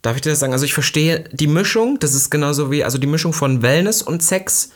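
A young man co-hosting a casual podcast chat, animated and giggly as he tells odd stories. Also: fairly high pitch, fast. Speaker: podcast co-host.

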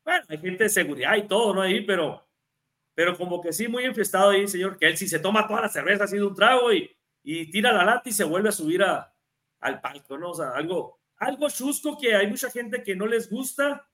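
A man's voice: sits high, animated, a little fast, sharp tone. A man with a Mexican Spanish accent, co-hosting a casual NFL talk show, chatty and given to repeating words as he restarts. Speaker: NFL podcast co-host. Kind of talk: casual sports analysis chat.

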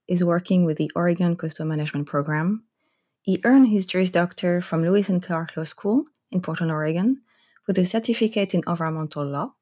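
A lowish, slightly mellow voice belongs to this podcast host, a woman in her thirties from Corsica, France, who has a French accent. Her scripted intro is read carefully, after which the talk turns into a casual interview with a guest.

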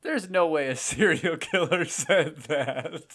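A man co-hosting a casual podcast chat, thinking out loud and hesitating as he answers quiz questions. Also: on the high side, slow, slightly rough, soft background music. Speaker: podcast co-host and quiz contestant.

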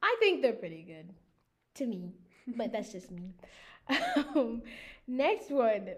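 A woman's voice: a little high, very animated, darkish tone. A young American woman co-hosting a podcast, chatting casually and giggling often with lots of fillers. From United States. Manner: giggly, many fillers, quick asides. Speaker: podcast co-host. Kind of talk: casual chat.

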